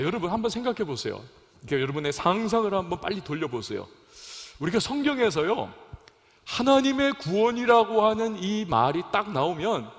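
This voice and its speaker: A young man preaches from the pulpit in a high, lively voice that rises and falls sharply for emphasis. He throws questions out to the congregation and lets his voice drop to near quiet at the ends of phrases. The sound rings with the long reverb of a church sanctuary. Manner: preaching with call-and-response to congregation; dramatic swings between loud emphasis and soft drops. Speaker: pastor. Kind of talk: sermon.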